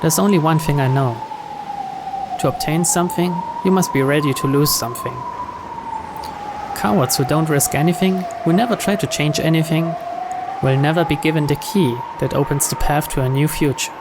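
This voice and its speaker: Delivering the story in the first person, a game player reads a visual novel with dramatic flair. His voice sits on the high side and moves at an ordinary pace; the recording is clear, with background noise.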